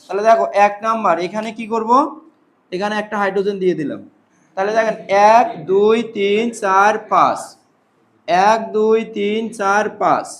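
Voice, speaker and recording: High-voiced male chemistry teacher. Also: normal speed. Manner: drills students with repeated questions and answers. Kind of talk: classroom lecture with call-and-response questions. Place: classroom.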